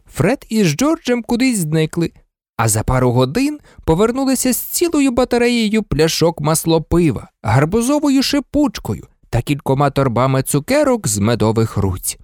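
A narrator reading a children's fantasy story aloud, dramatic and lively, switching into many character voices. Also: medium pitch, normal speed, dry recording, studio quality. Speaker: audiobook narrator.

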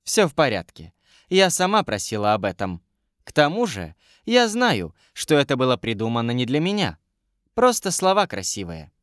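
A man's voice: mid-range voice, huge pitch swings, normal speed, fairly bright tone, dry recording, studio quality. A man reading an audiobook, voicing a curious, commanding young queen with a lightly raised voice. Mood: dreamy.

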